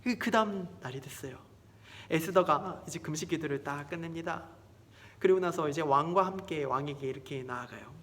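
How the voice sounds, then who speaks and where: Man, children's sermon, lively storytelling, high voice, long church reverb. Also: brisk. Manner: animated, expressive storyteller. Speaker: children's ministry preacher. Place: church sanctuary.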